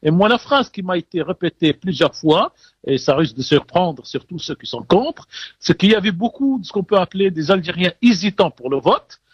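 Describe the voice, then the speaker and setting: A man's voice: high-pitched, animated, a little fast, slightly rough, dry recording, highs cut off. A man giving a live radio field report as a correspondent, hesitant with many fillers but emphatic.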